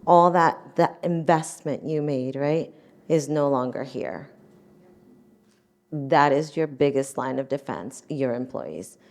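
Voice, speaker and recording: A woman speaks emphatically on a panel, addressing employers. Her voice is deep and unhurried. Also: lively intonation, darkish tone.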